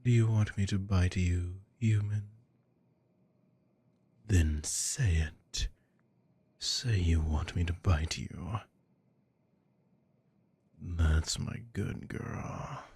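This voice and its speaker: A man voices a hungry, predatory vampire lord in an ASMR audio roleplay, taunting slowly in a full character voice. His voice is deep, gravelly and breathy with a dark tone, and he often whispers close to the microphone.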